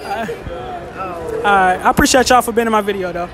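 High-voiced hyped street interviewer man. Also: a loud crowd. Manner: hyped slangy banter, quick laughs. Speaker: street interviewer and YouTuber host.

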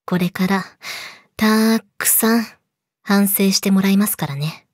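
A young woman playing a yandere girlfriend in a role-play audio drama, politely sweet, possessive and menacing, slipping into breathy whispers, close to the mic. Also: medium pitch, unhurried, no room sound, natural voice. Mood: teasing, domineering. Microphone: close studio mic, dry.

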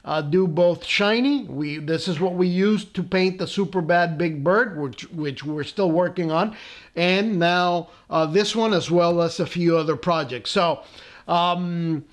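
A man hosting a casual scale-model painting tutorial at his workbench, relaxed and full of "uh" fillers and friendly asides. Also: high voice, a little slow. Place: tabletop workbench indoors.

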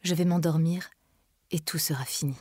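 A woman reading aloud voices a dying young wife, speaking faintly in a breathy, whispery voice. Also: deep voice, steady tone, normal speed, darkish tone, no room sound, clean studio sound.

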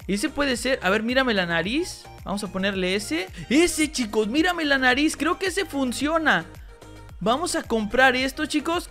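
A woman giving excitable let's-play commentary as a gaming YouTuber, talking straight to her viewers. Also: sits high.

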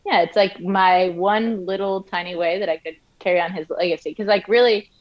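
A woman's voice: medium pitch, fairly even intonation, normal speed. Rambling woman woodworker on dull audio. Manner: rambling, frequent fillers and restarts. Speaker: woodworker and guest. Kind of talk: casual interview chat. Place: home office and wood shop.

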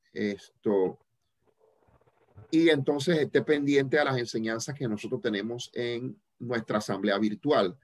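A man teaching a religious study online, answering viewer questions in a halting way with many fillers and restarts. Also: medium pitch.

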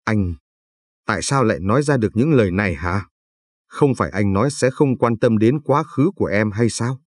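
A man reading the part of a desperate young mother who begs her husband in a storybook reading, in his own husky voice. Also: lowish voice, expressive, darkish tone, no echo, clean studio sound. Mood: pleading. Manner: tearful begging, quick.

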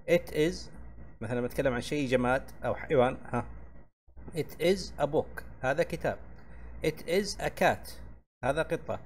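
A man's voice: mid-range voice, slight background noise. Man teaching English grammar. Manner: checks in with a frequent "tamam?" and repeats each point slowly; reads English examples slowly, then translates. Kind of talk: grammar lesson explained in Arabic.

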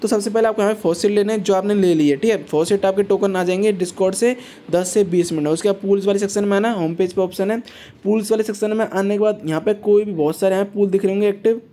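A crypto tutorial YouTuber gives a casual, screen-recorded, step-by-step walkthrough, chatty and often checking in with viewers, repeating "ठीक है" and calling them brothers. His voice sits high and sounds warm, with fairly even intonation and fast speech, plus slight background noise.

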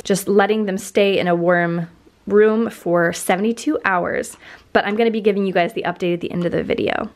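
A young woman vlogging casually at home, chatting to the camera as she explains a cleaning experiment, with relaxed fillers. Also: medium pitch. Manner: chatty, relaxed, frequent fillers like "you know". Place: living room at home.

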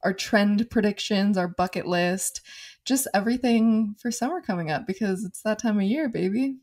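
A woman's voice: mid-range voice, moderate pace, darkish tone. Upbeat young woman podcast co-host. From Arizona. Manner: upbeat, chatty, frequent "like" fillers. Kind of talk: casual chat.

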